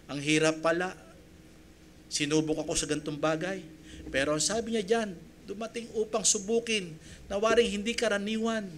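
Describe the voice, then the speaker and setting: High-voiced Filipino pastor preaching. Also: male voice, fairly even intonation, normal speed, slight background noise. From Philippines. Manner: emotional storytelling that acts out his own prayers; rising to loud emphatic appeals. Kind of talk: sermon with personal testimony. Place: church.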